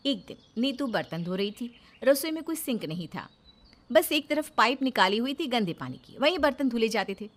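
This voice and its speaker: A woman narrating a household drama in an even storytelling way. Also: a little high, normal speed.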